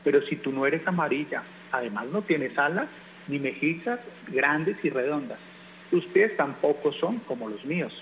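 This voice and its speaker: A man reading aloud and voicing a small, lonely yellow bird boy who is looking for a mother, with a wistful, pleading way of speaking. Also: fairly high pitch, expressive, moderate pace, slight background noise, poor audio.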